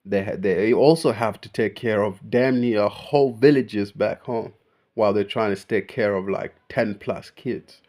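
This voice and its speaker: A man's voice: on the low side, measured pace, a little mellow. A young man, born in Kenya, ranting in a casual unscripted monologue, emphatic and full of slang. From born in Kenya, raised in Australia. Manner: slangy, emphatic, keeps saying bro. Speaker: vlogger.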